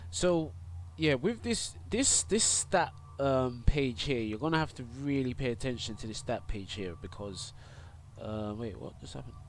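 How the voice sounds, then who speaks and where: A young gaming YouTuber and streamer, congested from a cold, gives a loose, rambling walkthrough of a game tutorial riddled with fillers and restarts. His voice is mid-range, and there's a faint hiss or hum.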